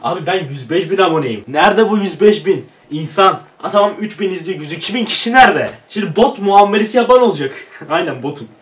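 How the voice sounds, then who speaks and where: A man's voice: high-pitched, expressive, fast, hardly any pauses, distant mic. A young man on his own channel, ranting in frustration with lots of swearing and laughing asides. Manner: frustrated, swearing, half-joking rant. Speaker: YouTuber. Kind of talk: ranting vlog.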